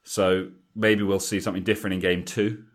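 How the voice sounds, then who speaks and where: Guy, lowish voice, casual podcast chat, lots of false starts. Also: flat delivery, brisk. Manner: hesitant, restarts often. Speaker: podcast co-host.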